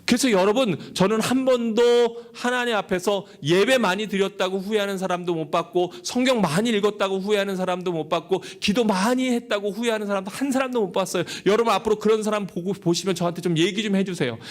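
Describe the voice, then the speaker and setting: A man preaching a sermon as pastor, earnest and asking his congregation questions. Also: high-pitched. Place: church service held in a cinema hall.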